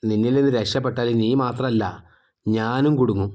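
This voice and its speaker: A man's voice: mid-range voice, steady tone, a little fast, a little mellow, natural voice. A man reading as a crafty accomplice. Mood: conspiring. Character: crafty adult male accomplice arranging an escape.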